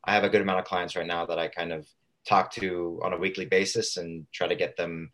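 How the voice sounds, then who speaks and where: A man from Southern California chatting casually as an interview guest, in informal, rambling, halting phrases. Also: sits low, little pitch movement, a bit bright. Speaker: radio show guest, fitness coach.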